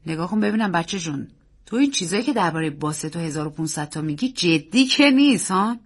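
A woman's voice: fairly low pitch, animated, husky. A woman voicing a jovial grown uncle who speaks in a teasing, coaxing way. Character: jovial grown uncle, amused then wary.

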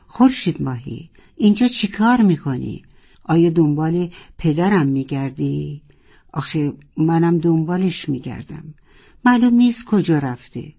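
A storyteller voicing a young narwhal who is desperately searching for its lost father, pleading and shouting. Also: medium pitch, expressive, creaky. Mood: bewildered. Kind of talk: children's audiobook acting.

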